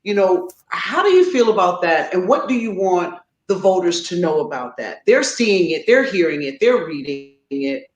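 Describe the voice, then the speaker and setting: A woman's voice: on the low side, big pitch swings, moderate pace, hardly any pauses, reverberant, highs cut off. A woman hosting an interview, asking chatty, encouraging questions. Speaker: talk show host.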